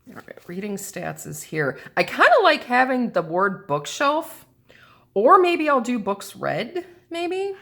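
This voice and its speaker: A Midwestern woman who makes planners and journals thinks aloud while setting one up, chatting casually at a craft table indoors under an overhead camera. Her stuffy, sinusy voice is fairly high and very animated, a little slow, pushed and bright, with vocal fry.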